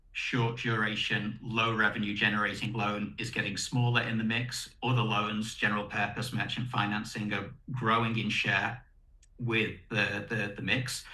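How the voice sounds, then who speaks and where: A man speaking as a company executive presents results on an echoey conference call. His voice is fairly low yet bright, and he lays out one point after another in a methodical, explanatory way with a firm, forceful tone.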